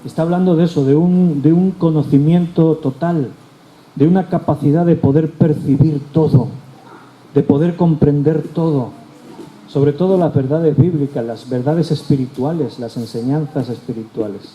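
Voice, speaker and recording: A man's voice: fairly high pitch, steady tone, normal speed, lo-fi sound, slight background noise. A male pastor, teaching a Bible study. He explains patiently and often repeats or rephrases his key words. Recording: roomy echo with faint background ambience.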